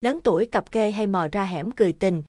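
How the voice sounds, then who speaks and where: Female narrator, horror audiobook, steady even delivery, dry close sound, mid pitch. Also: a little fast, no room sound. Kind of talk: scripted narration of a horror story.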